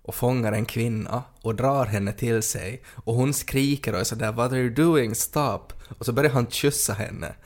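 A man's voice: medium pitch, steady tone, hardly any pauses. A man co-hosting a podcast in casual chat, joking and riffing playfully on absurd ideas. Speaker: podcast co-host.

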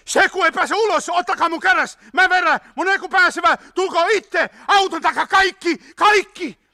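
A man voicing a young sergeant shouting urgently as he tries to pull wounded comrades from a wrecked vehicle. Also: very high-pitched, no echo, clean studio sound, pitched above the performer's own voice, exaggerated voice. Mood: frantic. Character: young male sergeant rescuing comrades, frantic.

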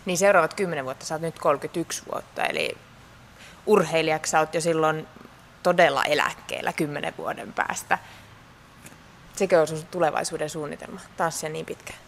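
A woman interviewer asking measured, direct questions. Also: sits low, creaky, a little hiss or hum.

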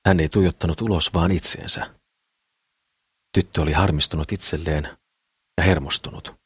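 Husky low-voiced male audiobook narrator. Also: no room sound, studio quality. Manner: calm, steady storytelling. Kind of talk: scripted narration.

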